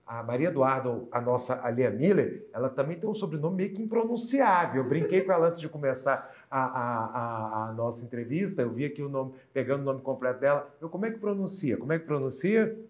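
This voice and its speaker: A man's voice: medium pitch, lively intonation, brisk, few pauses. A man hosting an interview, asking questions in a rambling way with many restarts. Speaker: podcast host. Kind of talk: casual interview. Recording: echoey room.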